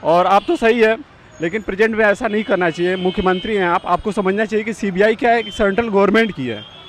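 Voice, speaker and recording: A man's voice: sits high, fast talker, a little hiss or hum. A man stopped on a city street, giving an emphatic, repetitive, lecturing opinion to a reporter. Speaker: passerby interviewee. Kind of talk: opinionated street interview answer.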